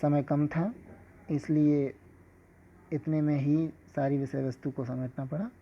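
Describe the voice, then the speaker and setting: A man teaching a lesson in a measured, explanatory way, with an occasional filler. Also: a little high, flat delivery. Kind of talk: scripted lesson lecture. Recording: dull lo-fi recording.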